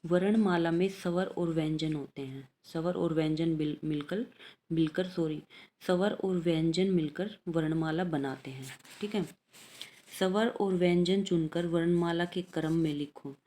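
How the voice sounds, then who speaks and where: A woman's voice: on the low side, a little slow, warm tone. A woman teaching an elementary language lesson, patiently reading out letters and exercises and checking in after each point.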